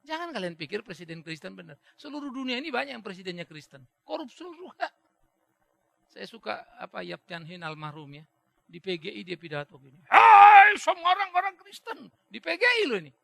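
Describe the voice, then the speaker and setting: A man's voice: high-pitched, expressive, a little fast, vocal fry, sharp tone, dry recording. A male pastor preaching a sermon who acts out little dialogues and drops in English phrases.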